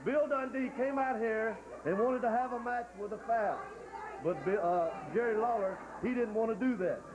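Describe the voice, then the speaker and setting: A man cutting an excitable, rambling wrestling promo, trash-talking a rival. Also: extremely high pitch, normal speed. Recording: dull lo-fi 1980s TV audio with hiss.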